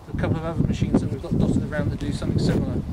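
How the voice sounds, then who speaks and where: A man leading a ghost tour, explaining things informally to a group in a halting, matter-of-fact way. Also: a little high, flat delivery. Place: on a night walking tour, in the dark. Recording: noisy outdoor night recording.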